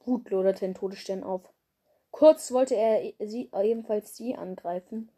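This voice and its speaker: A woman's voice: mid-range voice, moderate pace, mellow. A young woman reading her own fanfiction aloud, casual and stumbling over words as she corrects herself.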